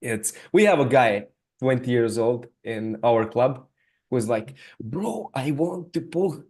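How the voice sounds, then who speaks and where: A man from Serbia with a Serbian accent, hosting a casual podcast interview in halting speech full of restarts. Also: medium pitch, expressive, darkish tone. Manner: halting, many restarts and fillers. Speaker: podcast host.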